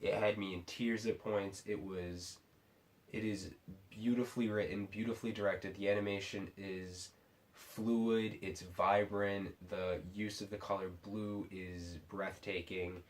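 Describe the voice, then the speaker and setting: A tipsy man giving a casual, unscripted movie review in a rambling, halting way, often restarting his sentences. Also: lowish voice, fairly even intonation. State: tipsy from drinking sake. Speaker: film reviewer.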